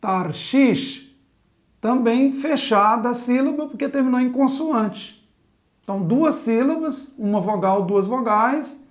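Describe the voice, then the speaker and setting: Lady teaching hebrew grammar, kinda high voice, slow and careful, goes letter by letter at the board. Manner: methodical, spells out letters and vowels one by one. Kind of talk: classroom grammar lesson. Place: classroom with a chalkboard.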